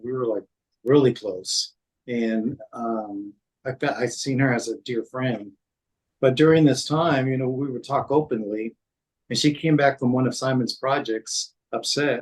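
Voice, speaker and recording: On a low-quality recording, a medium-pitched man who used to be a city code manager talks through past events from work in an interview. He stumbles along with frequent restarts and fillers and quotes dialogue from others.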